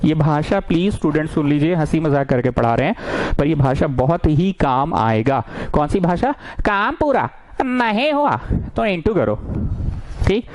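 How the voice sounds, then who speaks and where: A man's voice: a little high, lively intonation, normal speed, darkish tone. A man, teaching maths in a playful classroom lecture and acting out students and teacher in jokey asides.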